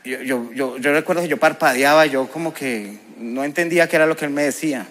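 A man's voice: fairly high pitch, a little fast, fairly bright tone. A man with a Colombian accent giving a personal testimony as a preacher, telling it vividly and with emotion. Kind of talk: testimony sermon.

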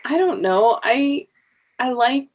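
A woman's voice: high voice, animated, husky. A woman in casual chat, joking and commiserating with her co-host. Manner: chatty, quick to joke and commiserate.

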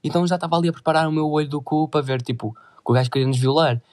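Fast-talking Portuguese teen swearing a lot. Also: male voice, a little high, darkish tone. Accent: European Portuguese. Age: teens. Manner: crude slang, swearing, rambling. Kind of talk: casual storytelling.

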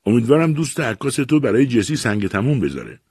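A fussy, complaining older aunt, as a male reader puts her on, heavy-set and gloomy, always nagging her daughter. The voice is pitched well above the reader's own, with a husky grain on a dry, close recording. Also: sing-song, darkish tone, dry recording. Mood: weary.

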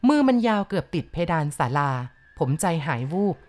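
A woman reads a ghost story aloud, unhurried and deliberate. Her voice sits fairly low for a woman, with a steady storytelling pace. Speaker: audiobook reader.

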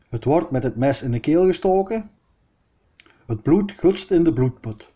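Mellow Flemish man reading local history. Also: on the high side. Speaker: storyteller.

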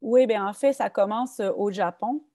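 At normal speed and medium pitch, a guest author with a Québécois French accent considers poetry in an informal interview. The studio sound is clean with no room tone, and she comes across thoughtful and animated, with many fillers and false starts.

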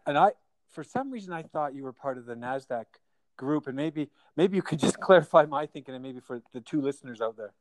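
A man hosts a casual remote podcast interview in a medium-pitched, animated voice, talking fairly quickly over a low-quality recording. He rambles, restarts often, pokes fun at himself, and laughs at his own jokes.

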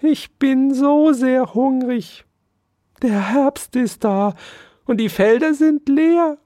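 A storyteller voicing a poor, self-pitying female field mouse who pleads and wails in a very high, strained voice. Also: slow, warm tone, no room sound, studio quality. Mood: wailing.

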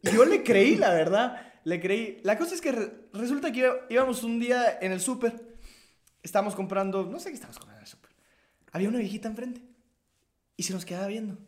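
A man's voice: sits high, lively intonation, fast. A man co-hosting a podcast, telling stories and joking in casual banter. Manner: laughing, storytelling banter. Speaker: podcast co-host. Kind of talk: casual chat.

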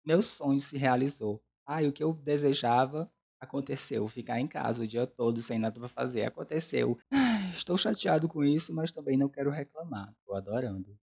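Mellow, dark-voiced young Brazilian man. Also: medium pitch, animated, normal speed, gravelly, husky. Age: 20s. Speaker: podcast host. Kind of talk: casual confessional chat.

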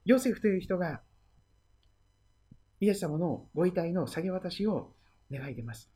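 A pastor preaching a sermon and retelling the story, often letting phrases trail into a hush. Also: mid-range voice, expressive, normal speed, husky.

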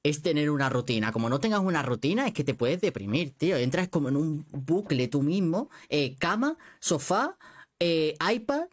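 A man's voice: fairly high pitch, big pitch swings, normal speed. Young man laughing through casual chat. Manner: laughs often, says "tío" a lot. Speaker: podcast host.

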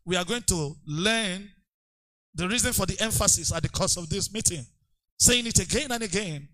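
A male preacher giving an excitable sermon, leading the congregation in call-and-response declarations. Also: high voice, normal speed, low-quality recording. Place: church service.

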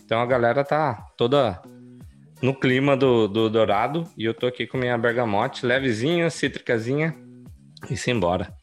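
A man from co-hosting a podcast, explaining things in a relaxed way with stumbling restarts. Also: medium pitch, moderate pace, faint music behind. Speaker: podcast co-host. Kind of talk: casual chat.

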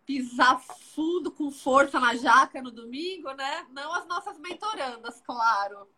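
A woman co-hosting a casual live chat from her home kitchen as a nutrition mentor, talking in a lively, slangy way. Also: high voice, a little slow, poor audio. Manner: lively, slangy, laughs easily.

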